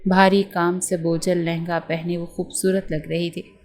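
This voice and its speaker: A woman's voice: on the low side, little pitch movement, unhurried, darkish tone. A woman narrating a romance novel and reading every part herself in much the same voice. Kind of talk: scripted narration of a romance novel with acted dialogue.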